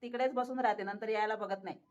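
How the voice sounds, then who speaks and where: A woman's voice: mid-range voice, steady tone, fast talker, darkish tone, dull audio. A woman in a casual pet vlog, talking to her viewers and coaxing her cat, repeating words and laughing often. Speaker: pet vlogger. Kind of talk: casual talk to camera while coaxing a cat.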